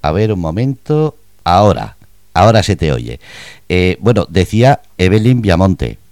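A man's voice: low voice, sing-song, unhurried, darkish tone, dry recording. A man hosting a radio interview, asking playful, probing questions. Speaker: radio host.

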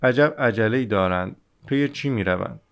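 A man's voice: medium pitch, clear, resonant tone, highs cut off, lightly acted. A man reading the part of a small, curious boy prince in an audiobook, in an earnest, wondering way.

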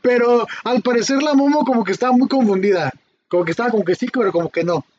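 A man's voice: very high voice, quick pace, a little mellow, highs cut off, slight background noise. A young man with a Mexican Spanish accent, chatting casually and laughing often with lots of slang. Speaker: podcast co-host. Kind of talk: casual chat.

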